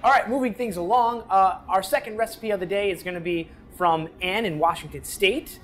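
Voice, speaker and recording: A man in his thirties hosting a cooking show in a restaurant kitchen, energetic and joking. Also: high voice, a little fast, slight background noise. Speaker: host. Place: large restaurant kitchen, indoors. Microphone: lapel mic. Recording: music bed under the voice. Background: music.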